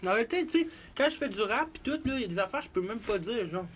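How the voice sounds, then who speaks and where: A man's voice: sits high, expressive, very fast, fairly bright tone, a little hiss or hum. A man with a Québécois French accent, a rapper chatting casually on a livestream and freestyling, rambling and swearing often.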